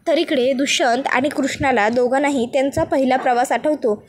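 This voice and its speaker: High-voiced woman retelling a serial. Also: fairly even intonation, brisk. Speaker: serial episode narrator. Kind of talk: storytelling recap.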